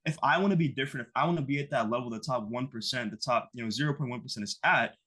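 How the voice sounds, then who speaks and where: A man's voice: medium pitch, rapid-fire, a bit bright, slightly rough. A man in his twenties from the US East Coast, an interview guest talking casually and rambling with lots of fillers. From East Coast of the United States. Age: 20s. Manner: rambling, heavy on fillers like "you know" and "like".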